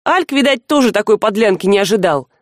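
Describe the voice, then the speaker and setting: Lively woman narrating an audiobook. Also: medium pitch, fast talker, dry recording, clean studio sound.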